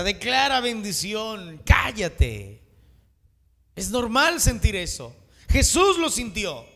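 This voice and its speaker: A male preacher with a high voice delivers a sermon in a church hall where his words ring out with a long reverb. He preaches emphatically, swinging between loud exhortation and hushed, low asides. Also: gravelly.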